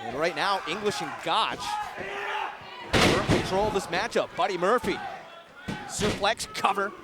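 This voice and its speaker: A man's voice: high voice, a little slow, very noisy. A man doing live wrestling commentary as the play-by-play commentator, calling moves in clipped, urgent phrases. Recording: loud crowd and music behind. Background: arena crowd and music.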